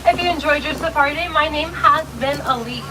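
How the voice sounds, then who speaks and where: A woman giving a cheerful, scripted safari ride spiel over the ride vehicle's loudspeaker. She calls the riders "friends". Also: high voice, a little fast, recorded from a distance, noisy background. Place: open-air safari truck outdoors.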